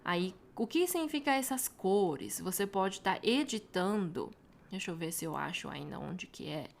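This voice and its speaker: A woman's voice: on the low side, expressive, normal speed, gravelly, slight background noise. Chatty Brazilian woman teaching online. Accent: Brazilian Portuguese. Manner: chatty, frequent tag questions. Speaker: Mandarin teacher. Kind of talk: casual screen-share tutorial.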